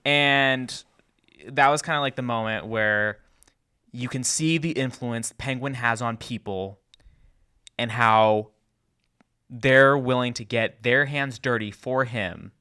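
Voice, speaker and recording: A young man co-hosting a podcast, chatting in quick animated rambling bursts. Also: mid-range voice, clean tone. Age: young adult. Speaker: podcast co-host. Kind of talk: casual chat.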